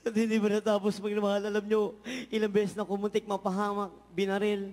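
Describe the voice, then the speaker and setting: A man's voice: sits high, monotone, fairly quick, a little mellow. A man giving a fervent church testimony, often repeating "mga mahal" and "hallelujah". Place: large church hall. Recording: hall reverb from church sound system.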